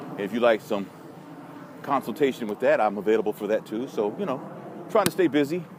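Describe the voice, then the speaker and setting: An American man talking casually and bluntly to listeners while out walking in a park, rambling with wry, folksy asides. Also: medium pitch. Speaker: vlogger and social media marketing consultant. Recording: noisy outdoor walking recording, vehicle sounds. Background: outdoor city ambience, passing vehicles.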